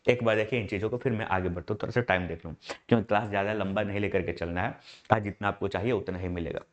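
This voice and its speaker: A man's voice: fairly low pitch, fairly even intonation, racing, muffled recording. A man teaching English grammar in Hindi, explaining step by step and calling his students "my brother". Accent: Indian English. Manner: asks students rhetorical questions. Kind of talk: online class lecture in Hindi.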